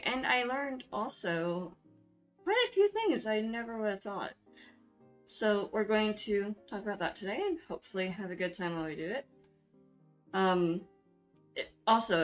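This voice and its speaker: A woman giving a chatty, informal voice-over for her video, speaking in a hesitant, apologetic, self-deprecating way. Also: lowish voice. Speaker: video creator hosting a drawing speedpaint. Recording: music playing behind the voice. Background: background music.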